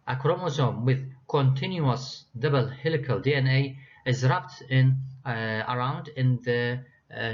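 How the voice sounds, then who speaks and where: Man lecturing, halting delivery, lots of fillers, medium pitch, dull lo-fi recording. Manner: reads slides, frequent uh fillers and restarts.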